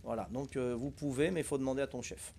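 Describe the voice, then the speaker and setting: A man's voice: medium pitch, fairly even intonation, fast talker, vocal fry, darkish tone, slight background noise. An older man from Corsica, casually talking viewers through a survival game as he plays, chatty and folksy, with lots of hesitations and tag words. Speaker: gaming streamer. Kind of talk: casual live gameplay commentary.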